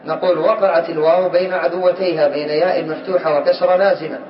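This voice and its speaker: A man teaching a class, quizzing his students and calling on them, slowly repeating key words. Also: on the high side, fairly even intonation, a little hiss or hum. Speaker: teacher of Arabic morphology. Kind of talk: classroom lecture. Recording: distant, roomy, dull lo-fi recording.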